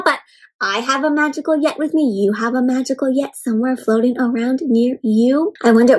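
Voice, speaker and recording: A woman with a high voice hosts a children's read-aloud, telling a picture book expressively with exaggerated gasps and frequently asking her young listeners direct questions. A little hiss or hum runs under the recording.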